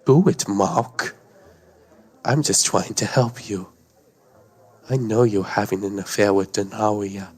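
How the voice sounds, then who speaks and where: A prim, meddling man in a live role-play game who speaks in stiff, overly formal phrases, as a man plays him. The voice is low and unhurried. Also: fairly even intonation, darkish tone, breathy edge. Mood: confrontational.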